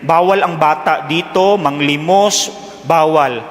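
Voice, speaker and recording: A man's voice: fairly high pitch, slow, pitched below the performer's own voice. A man voicing a stern security guard who firmly turns people away. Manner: firm, flat refusals. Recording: long reverb with loud guitar music.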